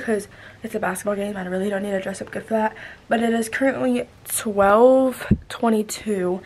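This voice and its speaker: A girl of about 13 talks casually to camera in a daily vlog, rambling and often trailing off with "but yeah." Her fairly high voice is a little mellow. She films at arm's length in her bedroom or sometimes a car, and the handheld camera audio carries clear background noise.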